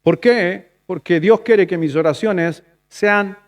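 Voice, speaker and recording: Chilean pastor preaching, lively and conversational. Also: male voice, high voice, takes it slowly. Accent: Chilean Spanish. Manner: conversational preaching, swings between loud emphatic and soft asides. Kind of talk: sermon.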